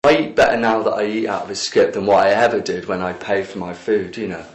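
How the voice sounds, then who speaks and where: Low-voiced rambling man. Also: fairly even intonation, fast. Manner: rambling, full of "like" and "you know". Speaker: documentary interviewee. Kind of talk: casual recounting. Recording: echoey room.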